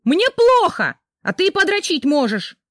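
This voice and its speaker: A woman's voice: very high voice, sing-song, a little slow, fairly bright tone, dry recording, studio quality, voice pushed up, heavily acted. A woman voicing a jealous young wife who screams accusations at her husband, in an audiobook reading. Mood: furious shrieking. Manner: shrieking accusations. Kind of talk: audiobook character voice.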